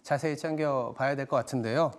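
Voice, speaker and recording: A man hosting a TV stock market segment, explaining market moves in a measured way with small fillers. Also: mid-range voice, fairly even intonation. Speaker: TV stock market show host. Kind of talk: broadcast market commentary and interview.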